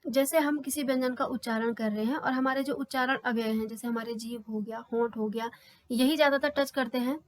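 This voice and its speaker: Woman teacher, kinda high voice, goes over each sound slowly and repeats stuff. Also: steady tone. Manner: explains patiently, repeating terms and sounding out letters one by one. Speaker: Hindi grammar teacher. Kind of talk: exam-prep lecture.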